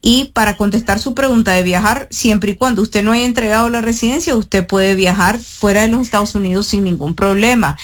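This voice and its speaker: A woman from Nicaragua with a Nicaraguan accent, an immigration lawyer hosting a live radio call-in show, speaking clearly and reassuringly and repeating phone numbers slowly. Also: mid-range voice.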